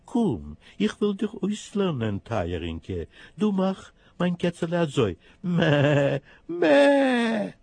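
A man's voice: on the high side, huge pitch swings, unhurried, dark tone, slightly rough, dry recording, voice pushed up, full character voice. A man doing a bleating little lamb. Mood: coaxing.

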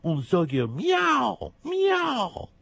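A man's voice: medium pitch, animated, a little slow, darkish tone, slightly rough, no echo. A man voicing a wise old tomcat, giving advice. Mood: advising.

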